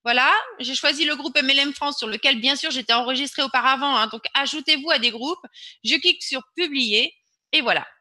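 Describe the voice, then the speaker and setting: Woman, high and bright, webinar host demoing her screen, pushes hard and repeats herself. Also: brisk, no room sound. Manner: insistent, repeats words for emphasis. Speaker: webinar presenter. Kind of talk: online webinar with screen-share demo.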